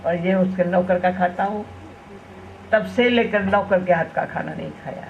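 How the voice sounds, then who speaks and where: A woman's voice: on the low side, normal speed, vocal fry. An older woman, a spiritual teacher, speaks to a gathering in a storytelling manner, weaving small anecdotes into her teaching. The recording is muffled and lo-fi, with a faint hiss underneath. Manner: homely storytelling, tag questions with "na". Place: event gathering.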